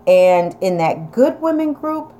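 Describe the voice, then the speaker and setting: A woman's voice: mid-range voice, sing-song, slow, dark tone. Blunt woman with an upstate New York accent. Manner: emphatic, chatty, blunt. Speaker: vlogger reading viewer comments. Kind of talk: casual advice chat.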